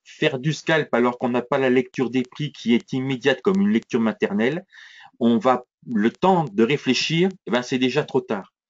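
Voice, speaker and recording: A man teaching live as a trading instructor, talking fast and punchy, full of little fillers. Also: medium pitch, lo-fi sound. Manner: quick, punchy, many hein and voilà fillers. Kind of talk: live educational screen walkthrough.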